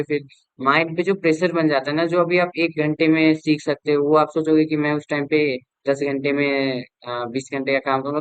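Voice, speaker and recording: A man's voice: on the high side, clean tone, no room sound, rough recording. A young man teaching an online cybersecurity lecture, explaining informally with frequent fillers and restarts. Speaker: cybersecurity instructor.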